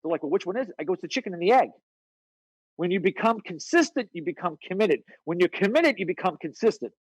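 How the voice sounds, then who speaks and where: Brief: male fitness coach guest, husky and fairly high voice, swears freely, tells punchy stories. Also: quick pace, no echo, rough recording. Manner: blunt, profane, animated storyteller. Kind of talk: casual interview storytelling.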